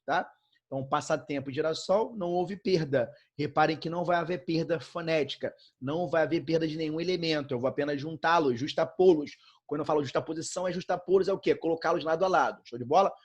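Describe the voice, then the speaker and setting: A Brazilian man teaching a grammar class, talking casually and checking in constantly with the students. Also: on the high side. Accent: Brazilian Portuguese. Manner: chatty, constant checks like "né?" and "show?". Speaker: Portuguese teacher. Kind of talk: recorded class lecture.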